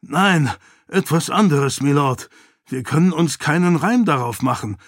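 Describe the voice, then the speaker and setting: A man's voice: fairly high pitch, expressive, measured pace, no room sound, clean studio sound, voice pushed up. A man voicing an urgent male messenger in an audiobook, his voice raised and pressing.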